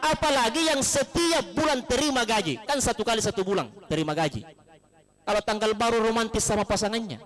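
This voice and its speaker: A high-voiced man preaches at a condolence gathering. He tells the sermon through jokes and stories and acts out the quotes. His pitch jumps up sharply for emphasis. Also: a little fast, a bit bright. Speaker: Islamic preacher. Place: live gathering in a home, broadcast on radio.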